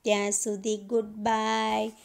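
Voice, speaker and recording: A woman's voice: medium pitch, completely flat delivery, takes it slowly, gravelly. A woman teacher explaining a textbook play to students, restating each point in simpler words.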